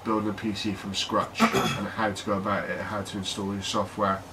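A British man co-hosts a casual tech podcast, chatting and joking and frequently bursting into laughter. His voice is on the low side, with a flat delivery at a moderate pace. He's picked up by a distant mic with faint noise.

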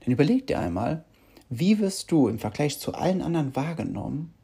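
A man coaching listeners on self-confidence in an earnest, emphatic monologue, slowing down to stress key points. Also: a little high, big pitch swings, vocal fry, warm tone, husky.

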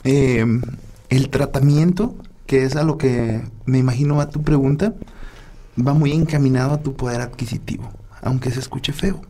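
A man's voice: mid-range voice, fairly even intonation, moderate pace, warm tone. A man, a urologist guest, explaining medical matters patiently. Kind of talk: explanatory conversation.

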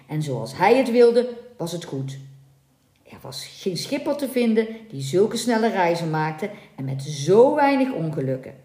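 A woman reading a legend aloud in a scripted storybook narration, dramatic and expressive. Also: fairly low pitch. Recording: echoey room.

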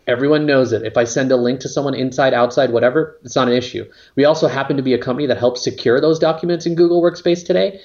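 A man's voice: mid-range voice, a little mellow, dull audio. A man, a company co-founder, talking casually in an interview, rambling with lots of fillers and some casual swearing.

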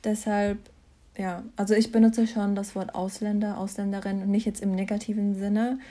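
Speaking casually about her own experiences, a young science student from Mannheim, Germany, is the guest in a conversational interview. She has a mid-range, dark-toned voice, a level tone and a moderate pace.

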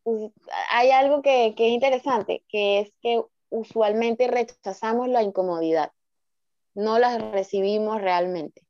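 A woman's voice: on the high side, unhurried, a little mellow, no room sound. Reflective woman, dull dry sound. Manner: reflective, acts out inner thoughts in quotes. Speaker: therapist guest. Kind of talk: calm explanatory podcast talk.

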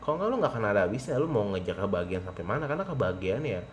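A man's voice: on the low side, sing-song, very fast, slight background noise. A young man, hosting a podcast in casual, rambling, slangy chat full of fillers. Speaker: podcast host.

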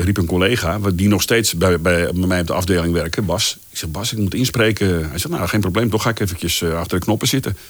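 A man's voice: low-pitched, no room sound. A man in his fifties from the Netherlands, a voice-over artist telling career stories in a casual interview, with many fillers, acting out the lines of others. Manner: animated anecdotes with many fillers, acts out quoted lines. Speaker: voice-over artist, podcast guest.

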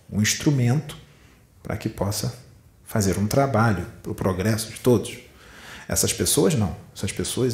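A man's voice: lowish voice, creaky, a little mellow. A man with a Brazilian Portuguese accent giving a spiritual teaching talk, telling vivid stories and speaking straight to his listeners. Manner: dramatic storytelling, addressing listeners directly. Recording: roomy echo.

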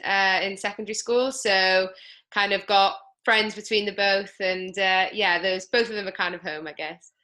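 A woman's voice: mid-range voice, fairly even intonation, normal speed, bright, forceful tone. A woman from Swansea with a South Wales accent, talking casually as a guest in an interview. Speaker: podcast guest, elite triathlete.

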